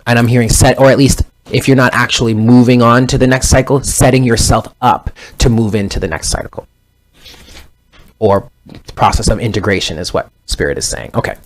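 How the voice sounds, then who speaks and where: A man's voice: mid-range voice, a little fast, slight background noise. A man in his thirties giving a casual tarot reading, rambling and often correcting himself mid-sentence. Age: 30s. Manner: rambling, self-correcting, conversational. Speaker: tarot reader.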